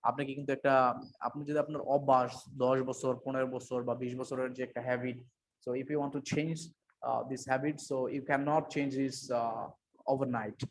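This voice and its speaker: A man giving an unscripted English pronunciation lesson, mixing two languages, pausing often with fillers and correcting himself. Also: mid-range voice, fairly even intonation, slight background noise. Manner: hesitant, many fillers and self-corrections. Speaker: English teacher.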